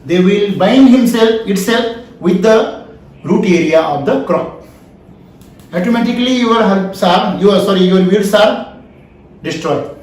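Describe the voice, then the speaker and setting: This founder's voice sits high with lively intonation and a darkish tone, a little slow and broken by long pauses. Recorded far from the mic in an echoey room, he lectures a farming seminar in Indian English, repeating himself and asking the audience "yes or no?" again and again.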